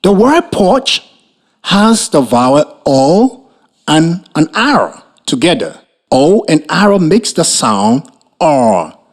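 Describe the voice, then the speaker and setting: A man teaching a scripted reading lesson, spelling words out letter by letter, sounding them out and pausing for pupils to repeat. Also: a little high, big pitch swings.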